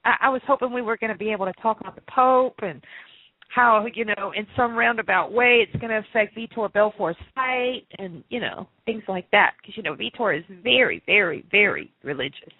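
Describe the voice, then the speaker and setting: A woman guesting on a podcast, chatting in a joking, animated way. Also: mid-range voice, brisk, no room sound. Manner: joking and animated, laughs often. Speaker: radio host, podcast guest. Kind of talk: casual chat. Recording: tinny Skype call audio.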